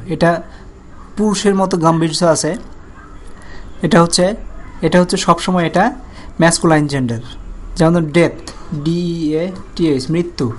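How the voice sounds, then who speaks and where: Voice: medium pitch, a little hiss or hum. Patient teacher. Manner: explains patiently, spells out words letter by letter, drawn-out "ah" pauses. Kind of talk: recorded grammar lesson.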